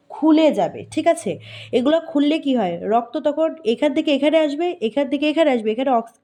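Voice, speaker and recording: Mellow-voiced woman teaching. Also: high-pitched. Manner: explains step by step, asks questions and answers them herself; frequent "thik ache?" checks, self-corrections. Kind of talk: recorded zoology lecture.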